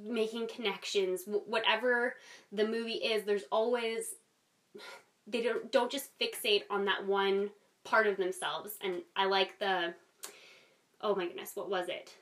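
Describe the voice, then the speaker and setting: A woman's voice: medium pitch, fairly even intonation, unhurried, a bit bright, recorded from a distance. A woman hosting a casual podcast conversation, speaking in an earnest, candid way, with S sounds that whistle. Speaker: podcast host.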